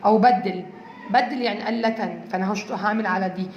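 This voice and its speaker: A woman with an Egyptian accent, a speech therapist giving a lesson, who explains step by step, models sounds slowly and checks that listeners follow. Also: medium pitch, muffled recording. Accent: Egyptian Arabic. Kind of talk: instructional explanation. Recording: echoey room with faint noise.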